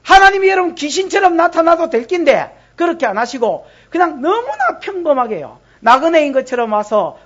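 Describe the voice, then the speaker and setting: Woman pastor, Gyeongsang accent, expressive sermon delivery, slightly muffled recording. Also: sits high. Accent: Gyeongsang Korean. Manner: lively, teasing, asks the congregation questions. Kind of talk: expository sermon. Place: church service.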